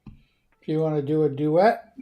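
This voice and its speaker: A woman's voice: low voice, a little slow, mellow. A woman streamer chatting casually in a laid-back, playful way. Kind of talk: casual chat.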